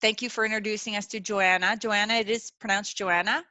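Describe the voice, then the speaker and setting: A woman hosts an online webinar in a relaxed, chatty way, filling her talk with "like" and "you know" as she reassures her guests. Her voice is bright and lively. The sound is dry and close, as on a video call. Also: mid-range voice, a little fast, no echo. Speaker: webinar host. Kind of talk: casual chat.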